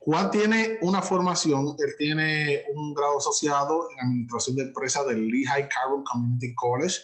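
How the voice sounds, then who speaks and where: A man's voice: fairly high pitch, moderate pace, fairly bright tone. A man hosting a prerecorded webinar from an office, introducing a guest at length with frequent fillers and restarts. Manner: hesitant, many fillers and restarts. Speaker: host and entrepreneurship instructor.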